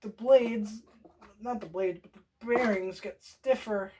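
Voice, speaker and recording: Woman, casual DIY host, rambling, foul-mouthed, dark mellow tone. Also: medium pitch, slow, slight background noise. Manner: rambling, swears freely, talks to the viewer. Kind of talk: casual how-to demonstration.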